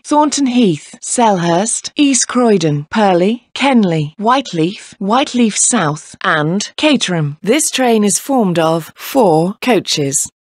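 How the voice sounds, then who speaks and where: A woman with an English accent reading scripted railway announcements in a formal, measured, pieced-together way. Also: medium pitch, darkish tone, dry recording, clean studio sound. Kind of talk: scripted train station announcements.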